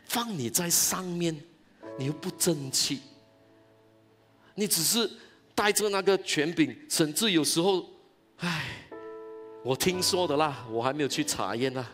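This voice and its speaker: A man, a pastor giving an animated, exclamatory sermon at a church conference. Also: fairly high pitch, a little slow, long pauses, soft background music.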